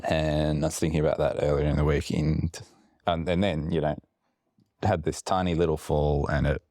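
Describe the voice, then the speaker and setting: A man with a very deep, gravelly voice chats on a podcast, wandering through his thoughts with fillers and restarts. He sounds slightly woozy from medication. The sound is close and dry. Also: little pitch movement, normal speed, dark tone, no echo. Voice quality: very low, gravelly voice. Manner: rambling, many fillers and restarts. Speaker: podcast co-host. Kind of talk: casual podcast chat.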